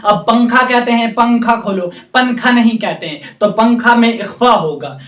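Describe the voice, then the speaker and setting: A man's voice: extremely high pitch, a little slow, distant mic. A man from Jammu and Kashmir teaching Quran recitation rules at a board, patiently drilling each sound and repeating reminders. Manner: patient, repetitive drilling of sounds, often says remember. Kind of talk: tajweed lesson at a board. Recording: echoey room, speaker away from mic.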